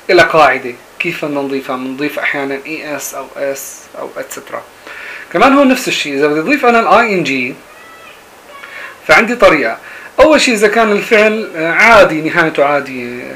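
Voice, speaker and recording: Male language teacher, patient and repetitive, mixes with English examples, slightly raised pitch, faint background noise. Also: sharp tone, rough recording. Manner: explains patiently, switches between Arabic and English examples, repeats key words. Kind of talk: recorded grammar lesson.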